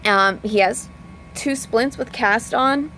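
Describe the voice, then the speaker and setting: Her voice a little high and sharp in tone, this woman coach takes her time, with slight background noise present. She rambles casually and earnestly in a heartfelt vlog, sprinkling in "like" and "you know" and speaking openly about how she feels.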